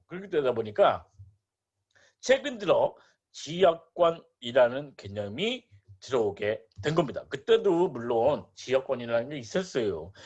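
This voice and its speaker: A man teaching a property lecture in a high, lively voice that jumps around as he fires rhetorical questions. His tone is a little husky, and the recording sounds dull and lo-fi. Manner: animated, rhetorical questions, playful asides. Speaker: real estate agent and lecturer. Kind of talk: online lecture.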